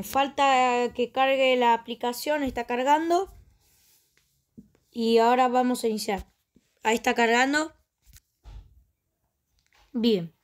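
A woman's voice: on the high side, a little hiss or hum. A woman with a Rioplatense Spanish accent, chatting casually through a let's play and exclaiming often. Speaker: gaming channel host.

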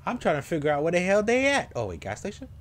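A young man doing casual, slangy let's play commentary with drawn-out exclamations, in a small room. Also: high-pitched, wildly swooping pitch. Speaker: gaming let's player. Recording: clear game noise behind voice. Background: video game sounds.

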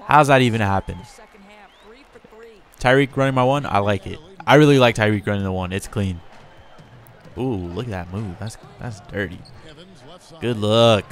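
Man, gamer, casual play-by-play of his own game, fairly low voice, chatty, coaches his players, bursts of excitement. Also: normal speed, pauses often. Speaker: gamer and channel host. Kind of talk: casual gameplay commentary.

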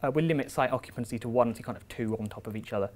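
A man's voice: mid-range voice, rapid-fire, a little mellow. A young man giving an academic seminar in a lecture room, explaining step by step with frequent ums and uhs. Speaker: visiting researcher giving a seminar.

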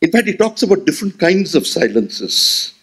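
Giving a memorial lecture at a podium in an auditorium, a man in his sixties with an Indian English accent uses a gooseneck mic and plenty of rhetorical flair and gestures. His high voice is slightly rough and moves at normal speed.

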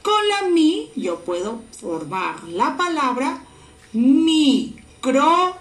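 A woman teacher with a Peruvian Spanish accent speaks slowly and patiently to small children. Her voice is high and moves a lot, and she stretches out sounds for them to repeat. The room is echoey. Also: wildly swooping pitch, fairly bright tone. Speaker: primary school teacher. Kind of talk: recorded lesson for young children.

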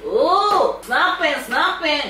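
A woman of twenty-four chatting casually as a YouTube host, reacting to viewer comments in an animated, giggly, self-mocking way, recorded on a camera mic. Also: high-pitched, very fast, reverberant, a little hiss or hum.

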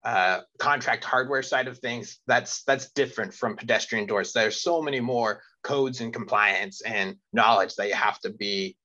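Male host, bright and forceful tone, a bit muffled; upbeat, jokey, filler-heavy. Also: mid-range voice, moderate pace, hardly any pauses. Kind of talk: casual video podcast chat.

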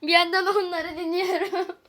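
A woman with a strikingly high voice talks through a video game in casual commentary. She is excitable, jumping between loud exclamations and quiet muttering, and often laughs at her own mistakes. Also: moderate pace. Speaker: gaming video creator.

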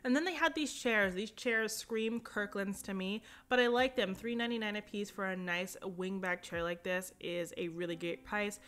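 Bright, chatty young woman vlogger. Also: mid-range voice, normal speed, few pauses, smooth. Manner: chatty, upbeat, lots of fillers and asides. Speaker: home decor vlogger. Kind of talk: casual shop-with-me voice-over.

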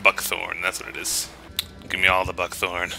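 A man hosting a casual let's play, jokey and teasing. His voice is fairly low but very bright and forceful, with faint game noise behind it. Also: completely flat delivery, moderate pace, creaky. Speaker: gaming host. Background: video game sounds.

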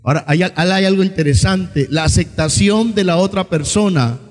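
A male pastor preaches with animation, asking his congregation questions. His voice sits high, and a long reverb from the church hall trails each phrase. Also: normal speed. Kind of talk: sermon.

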